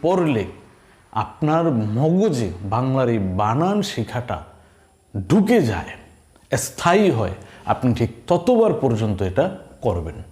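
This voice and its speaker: A man teaching spelling, reciting letter-vowel combinations slowly and checking in with his students. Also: mid-range voice, big pitch swings, a little mellow, echoey room. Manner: slow, drawn-out recitation with checking questions. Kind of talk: slow recited lesson.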